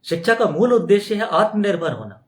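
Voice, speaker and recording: A man with a fairly high voice gives a loose, conversational spiritual talk. He keeps posing rhetorical questions and slips into mimicking other people's objections. The recording sounds roomy and echoey. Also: very animated, quick pace. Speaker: spiritual teacher. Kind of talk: extempore spoken talk. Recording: roomy echo.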